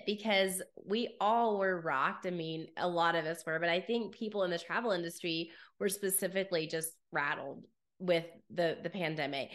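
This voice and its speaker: A woman's voice: lowish voice, fairly bright tone. Woman, podcast host, upbeat, enthusiastic, long winding questions. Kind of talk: podcast interview.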